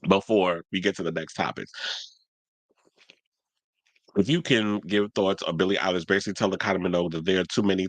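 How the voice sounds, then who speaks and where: This celebrity gossip podcast host talks solo and casually, blunt and chatty, cursing without hesitation. He sounds congested from allergies, his voice sitting on the low side with a fairly bright tone and no echo.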